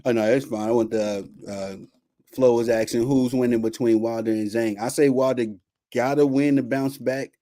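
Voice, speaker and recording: A man's voice: medium pitch, fairly even intonation, normal speed, mellow. A man with a Chicago accent hosting a casual sports podcast over a video call, laid-back and slangy, laughing easily. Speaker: podcast host.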